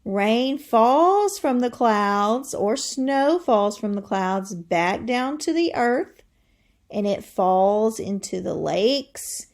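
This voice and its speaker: With a fairly high, noticeably creaky voice, a woman reads a science book aloud extremely slowly but with animation. Like a teacher, she pauses for explanatory asides and asks the listener questions.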